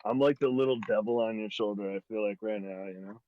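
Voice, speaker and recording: A man's voice: fairly low pitch, fast talker, mellow, slight background noise. A laid-back, agreeable man chatting casually as a player at a tabletop game. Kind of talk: casual chat. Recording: dry, dull lo-fi audio.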